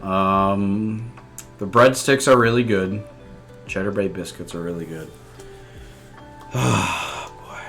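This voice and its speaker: A young man co-hosting a casual podcast, talking in a relaxed, hesitant way with many ums. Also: low voice, takes it slowly, vocal fry, long pauses, faint music behind. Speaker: podcast co-host. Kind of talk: casual chat.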